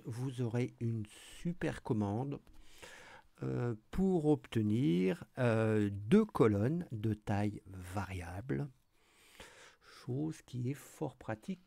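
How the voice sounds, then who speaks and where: A man, explaining code step by step in a relaxed, hesitant tutorial with many fillers. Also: mid-range voice, vocal fry, dry recording. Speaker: tutorial host. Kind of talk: screen-recorded coding tutorial.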